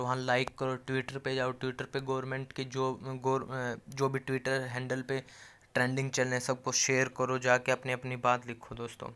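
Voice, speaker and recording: A man's voice: mid-range voice, fairly bright tone, clean tone. A man hosting a video channel, rallying viewers in a casual direct appeal. He is insistent, keeps calling them friends, and often restarts or trails off mid-phrase. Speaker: YouTube channel host addressing job aspirants.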